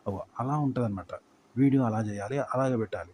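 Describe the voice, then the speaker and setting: Fast-talking man teaching. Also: medium pitch, a little mellow, a little hiss or hum. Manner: repetitive, rhetorical questions, plain folksy examples. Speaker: YouTube advice teacher. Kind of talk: informal tutorial talk.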